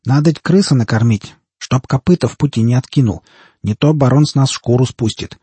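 A man voicing a crude, loud male bounty hunter who swaggers in rough country dialect. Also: mid-range voice, a little fast, no echo. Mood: swaggering.

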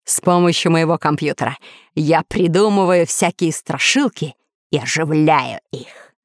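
A woman voicing a boastful, scheming male villain who calmly brags about his monsters in a children's story. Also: low voice, unhurried, no echo. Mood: smug, boastful. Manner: calm, boastful.

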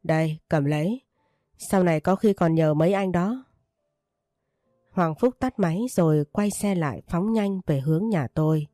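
A woman reading a first-person romance story aloud, voicing the dialogue in her own steady narrating voice. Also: on the low side, normal speed, no echo, clean studio sound, faint music behind.

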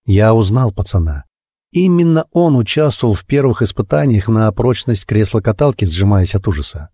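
A man reads a first-person audiobook in a low, dark voice with a husky grain. His delivery rises and falls a lot, and the close, dry recording leaves no room sound. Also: very animated, moderate pace, no room sound. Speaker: audiobook narrator.

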